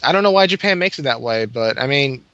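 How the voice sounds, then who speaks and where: A man's voice: medium pitch, lively intonation, fast talker, sharp tone, lo-fi sound. A man chatting casually about video games, rambling with lots of fillers and restarts. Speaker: podcast co-host.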